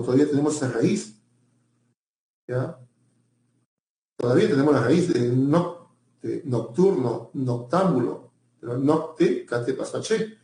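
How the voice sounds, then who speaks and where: A man's voice: mid-range voice, warm tone, roomy sound. A male teacher giving a pre-university language lecture, often repeating himself and checking in with his students.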